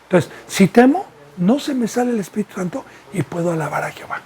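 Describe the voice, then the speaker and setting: A man's voice: high voice, sing-song, fast talker, a little mellow, a little hiss or hum. A man from Mexico, preaching a sermon as a pastor and asking repeated rhetorical questions. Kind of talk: sermon teaching.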